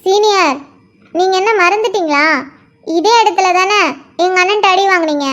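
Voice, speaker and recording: A woman's voice: extremely high pitch, moderate pace, a bit bright. A woman voicing a feisty young female student who defiantly stands up to a bully, in a cartoon story. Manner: defiant, cheeky.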